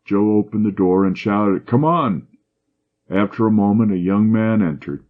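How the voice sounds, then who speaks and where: A man narrating a classic short story in a measured, low-key manner. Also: flat delivery. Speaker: audiobook narrator. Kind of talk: scripted narration. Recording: dull lo-fi audio.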